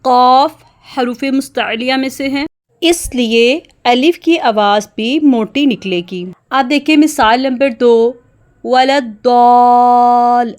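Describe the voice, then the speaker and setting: A woman teaching Quran pronunciation, explaining rules quickly and then reciting example words slowly and loudly. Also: high voice. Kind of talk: tajweed lesson.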